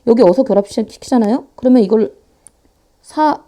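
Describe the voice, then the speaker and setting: A woman teaching a grammar lecture online in a playful, animated way, talking fast and sometimes acting out students' voices. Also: medium pitch. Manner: talks fast to save time.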